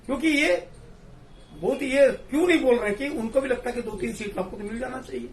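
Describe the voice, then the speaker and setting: A man talking in a casual political discussion, animated and laughing, mixing in English phrases. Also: very high-pitched, a little fast. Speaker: discussion panelist. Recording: echoey room, distant mic.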